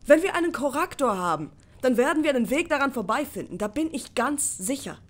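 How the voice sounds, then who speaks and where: Brief: a determined young male apprentice, urgent and pleading, pitched up, read by a woman. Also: animated, normal speed, fairly bright tone. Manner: earnest, urgent, persuasive. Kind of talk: audiobook character voice.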